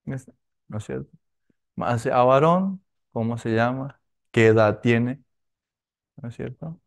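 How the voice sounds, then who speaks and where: A man teaching a language class, going slowly and checking often that his students follow. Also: medium pitch, vocal fry. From Argentina. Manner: slow, repetitive, with frequent tag questions.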